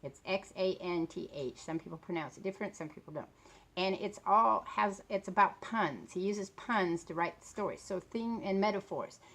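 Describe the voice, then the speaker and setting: Tired and sore-throated, a book vlogger in her late fifties rambles casually about authors, her speech slightly off from a swollen mouth. She speaks at a moderate pace in a medium-pitched voice.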